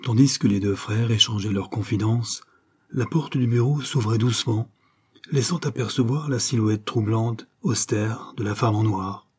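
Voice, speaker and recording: A man reading a serial novel aloud as audiobook narration, in a measured, dramatic manner. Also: fairly low pitch, a little mellow, slightly rough. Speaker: audiobook reader.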